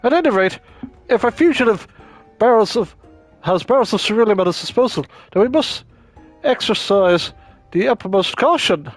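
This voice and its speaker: A man's voice: fairly high pitch, steady tone, moderate pace, a bit bright, faint music behind, close to an everyday voice. A man voicing a fussy, self-assured male investigator from a game, in a put-on accent with stilted formal delivery. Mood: cautious.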